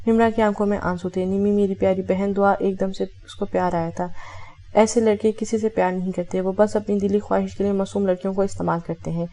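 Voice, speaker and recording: Lady reading a romance novel out loud, soft dark voice, fixes her slips as she goes. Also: medium pitch, little pitch movement. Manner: reads all characters in her own voice, with small self-corrections. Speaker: audiobook narrator.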